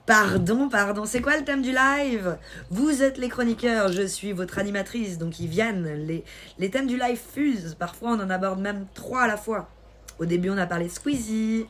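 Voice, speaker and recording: A woman from Switzerland with a light Swiss French accent, hosting a live stream and chatting casually with viewers in a teasing, quick-witted way. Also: medium pitch. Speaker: livestream host. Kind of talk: casual live-stream chat reading comments.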